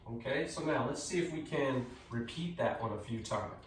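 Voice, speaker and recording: A man with a mid-range voice works as a tai chi instructor, giving calm, measured movement cues step by step. The room echoes, the mic sits at a distance, and there is faint noise.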